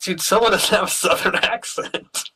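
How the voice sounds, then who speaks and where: A man's voice: sits high, normal speed, bright, forceful tone, breathy edge, rough recording. A man teasing his squadmates and laughing through casual voice chat while gaming.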